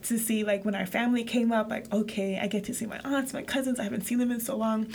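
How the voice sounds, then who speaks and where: A woman's voice: a little high, steady tone, quick pace, a little mellow, a little hiss or hum. A young woman from Haiti co-hosting a podcast, talking openly and reflectively in casual chat with many fillers. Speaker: podcast co-host.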